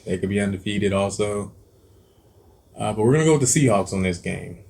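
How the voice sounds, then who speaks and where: A man's voice: lowish voice, animated, fairly quick, vocal fry, darkish tone. A man hosting a cooking channel, chatting casually through football picks with lots of ums, restarts and self-corrections. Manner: rambling, hesitant, many ums and self-corrections. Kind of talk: casual football picks chat while eating.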